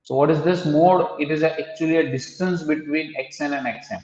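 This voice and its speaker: A man's voice: on the high side, fairly quick, darkish tone. A man lecturing a mathematics class, explaining step by step and quizzing students. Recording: echoey hall, dull lo-fi sound.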